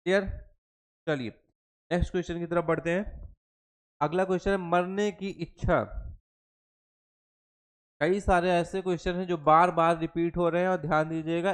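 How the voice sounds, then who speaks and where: A young male teacher runs an exam-prep Hindi lesson, mixing English terms into his Hindi. He repeats each definition several times and keeps quizzing his students. His voice is smooth and clear, pitched a little high for a man. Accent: Hindi with English terms mixed in. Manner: repeats each definition, asks the class questions.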